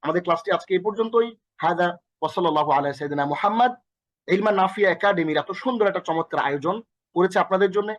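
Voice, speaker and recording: Fast, high-voiced male Arabic teacher. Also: dry recording. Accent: Bangladeshi. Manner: energetic, repeats and quizzes the listener. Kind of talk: recorded online lesson.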